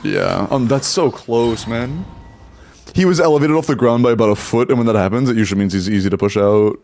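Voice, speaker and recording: A male game streamer chats with his viewers in a loose, conversational way, often tripping over and repeating his words. His voice comes through livestream headset audio at an average pitch for a man. A faint hiss sits underneath. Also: a little fast, darkish tone. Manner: chatty, stumbles and repeats words while reacting. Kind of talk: casual livestream commentary while playing. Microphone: headset mic on a livestream.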